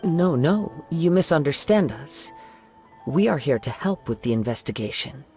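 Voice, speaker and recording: An actor playing a calm young wandering samurai in a video game, gentle and polite as he questions people. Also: a little high, moderate pace. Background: game music.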